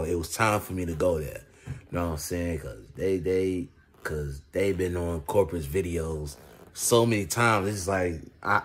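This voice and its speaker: A young adult American man, a food reviewer, chats casually in a vlog with a low voice, telling a story full of repetitive, emphatic slang. He's reclining on a couch indoors, holding his phone at arm's length. It's a home phone recording, and the background noise comes through clearly.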